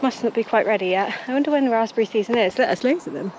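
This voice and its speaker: A woman's voice: on the high side, very fast, darkish tone. A British woman chatting casually to her vlog while out jogging on outdoor trails. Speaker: running vlogger. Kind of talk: casual vlog chat to camera. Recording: noisy outdoor ambience.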